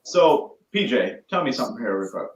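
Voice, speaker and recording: A podcast co-host calling in remotely, his voice tinny as if through a tin can. The sound is echoey and muffled, with little top end. He talks at an ordinary pitch in an easygoing, joking way, sometimes putting on a mock news-anchor delivery. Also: sing-song, brisk. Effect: tinny tin-can sound from a poor remote microphone. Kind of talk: casual chat, then mock news-anchor commentary. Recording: echoey, dull lo-fi remote mic.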